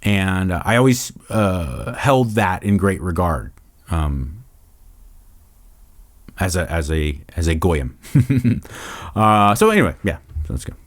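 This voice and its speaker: A man's voice: low-pitched, sing-song, takes it slowly, pauses often. A middle-aged man from Los Angeles, hosting a casual Q&A show, rambling and swearing freely. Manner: rambling, profane, lots of restarts. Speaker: podcast host. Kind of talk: casual Q&A monologue.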